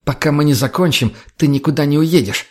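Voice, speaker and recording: A man's voice: fairly high pitch, a little fast, a little mellow, pitched above the performer's own voice, natural voice. A man voicing a ruthless, cold woman gang leader who talks harshly and swears. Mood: menacing. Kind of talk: audiobook character voice.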